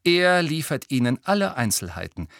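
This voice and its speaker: A man voicing a clever teenage girl who speaks in a hard, clear, scornful way. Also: a little high, very animated, moderate pace, fairly bright tone, dry recording, clean studio sound, pitched above the performer's own voice, full character voice. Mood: determined.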